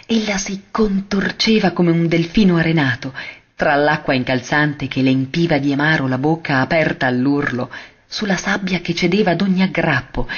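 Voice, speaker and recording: Husky man reading a literary tale. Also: a little high. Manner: measured, expressive reading. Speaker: narrator. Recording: dull lo-fi recording.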